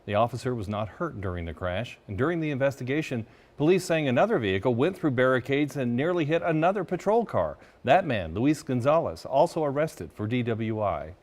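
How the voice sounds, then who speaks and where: A man's voice: mid-range voice, big pitch swings, a little fast, a little mellow. Folksy male local news anchor.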